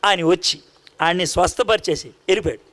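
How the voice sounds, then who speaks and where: High, bright-voiced male preacher. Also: quick pace. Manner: animated storytelling, acting out dialogue and quizzing the congregation. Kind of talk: sermon.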